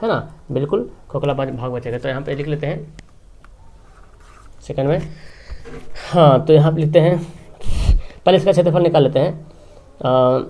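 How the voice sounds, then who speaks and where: A man's voice: a little high, normal speed, pauses often, dark tone. A man teaching a maths problem step by step, talking as he writes and often checking in with tag questions. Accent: Hindi regional, Bihar. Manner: talking while writing, frequent tag questions. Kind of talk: explaining maths at a board.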